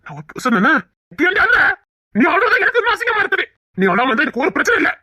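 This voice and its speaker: A furious husband who feels shamed, barking harsh orders in a husky, bright voice that swings widely in pitch, as a man acts him out. The recording is dry and close. He scolds rather than asks. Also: wildly swooping pitch, rapid-fire, no echo, heavily acted. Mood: angry scolding. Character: proud, furious young husband shamed in public. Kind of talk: web drama acting.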